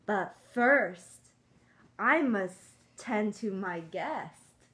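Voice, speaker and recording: A woman's voice: medium pitch, lively intonation, extremely slow, pushed and bright, heavily acted. A woman voicing a proud, earnest young male spider while reading a picture book aloud to young children. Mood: earnest, polite.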